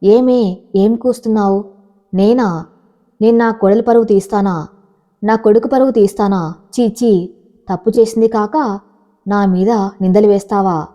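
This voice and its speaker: A woman's voice: medium pitch, steady tone, a little slow, pauses often, warm tone, close to an everyday voice. A woman voicing a scheming, harsh older mother-in-law who scolds and defends herself, on a dull lo-fi recording. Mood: indignant.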